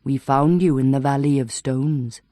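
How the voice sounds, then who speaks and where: Steady, soft-spoken man, put on by a female narrator, lowered deep voice, unhurried and coaxing. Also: dry recording, clean studio sound. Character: calm steady man guiding a hypnotized patient.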